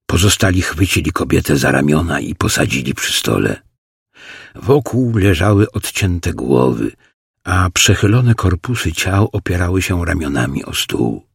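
A man reading an audiobook as narrator, in a slow, measured, grave manner on a close studio mic. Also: sits low, big pitch swings, gravelly, husky, no room sound. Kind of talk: scripted narration.

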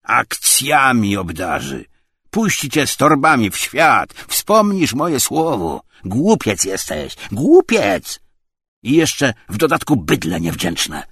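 A hoarse, spiteful bully bellows insults high and loud, as a male narrator puts him on. His voice swings wildly and carries a husky edge, close and dry with no room around it. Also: very animated, slow pace, dry recording, full character voice. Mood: furious. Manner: shouting, mocking, abusive. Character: coarse, spiteful middle-aged man, hoarse and bullying.

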